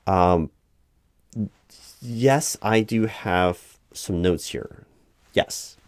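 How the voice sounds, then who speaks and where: In a spoken ASMR roleplay, a low-voiced man plays a flustered, officious recruiting manager conducting a one-sided job interview. He explains things patiently but haltingly, as though making it up as he goes. The recording is smooth, dry, and close, with almost no room sound.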